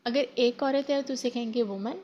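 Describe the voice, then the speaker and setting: A woman teaching a spoken English lesson in Hindi, drawing out example phrases slowly and often correcting herself. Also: fairly high pitch, darkish tone, lo-fi sound. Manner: slow drawn-out example phrases, frequent self-corrections.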